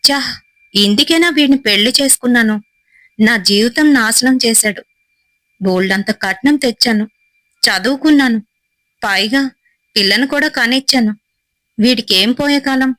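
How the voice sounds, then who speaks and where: A woman's voice: on the high side, moderate pace, long pauses, a bit bright, no echo, natural voice, rough recording. A woman voicing a wronged young wife and mother who speaks in a bitter, heartfelt, resolute way. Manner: bitter, heartfelt first-person telling.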